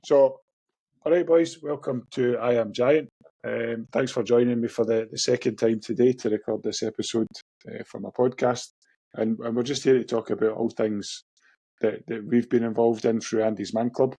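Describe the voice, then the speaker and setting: A man's voice: mid-range voice, fairly even intonation, normal speed, mellow, husky, no echo. A man with a Scottish accent hosting a podcast in an informal, matey, chatty way. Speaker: podcast host. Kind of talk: casual chat, interviewing.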